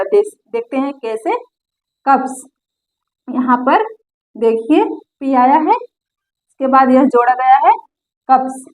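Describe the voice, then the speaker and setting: A woman teacher explaining a lesson patiently, repeating each example slowly and going step by step. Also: sits high, darkish tone, low-quality recording.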